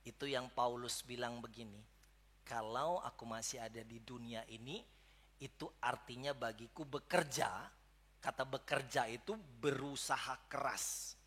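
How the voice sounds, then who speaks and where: Male pastor preaching a sermon. Bright, forward tone at a middling pitch. Speaks straight to the congregation and builds to emphatic peaks. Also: steady tone, measured pace, slightly rough. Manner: addresses the congregation directly, rising to emphatic peaks. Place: church service.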